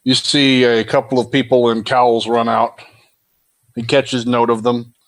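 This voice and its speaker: Guy game mastering dnd, normal pitch, casual improvised narration. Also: level tone, unhurried.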